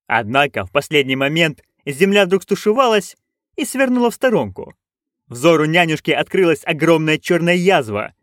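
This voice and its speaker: A man reading a fantasy story aloud with expressive storytelling. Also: a little high, no room sound, studio quality. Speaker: audiobook reader. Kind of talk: scripted narration.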